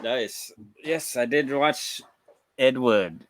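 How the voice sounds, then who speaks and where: A man with a mid-range voice co-hosts a podcast, speaking slowly in loose, rambling casual chat. He laughs often and swears freely.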